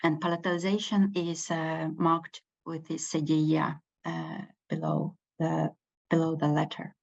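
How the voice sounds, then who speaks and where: Woman, Estonian accent, native Estonian speaker, language lecture, hesitant with fillers, slow delivery, muffled lo-fi recording. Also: low-pitched, vocal fry, darkish tone. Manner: hesitant, many fillers and restarts. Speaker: language teacher. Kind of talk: unscripted online lecture.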